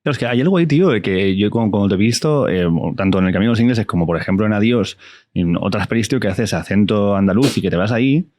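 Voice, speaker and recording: A man hosts a casual podcast interview, asking questions in a brisk, informal way full of slang fillers. He talks quickly in a somewhat low voice. The sound is dry and close, with no room echo. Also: a little mellow.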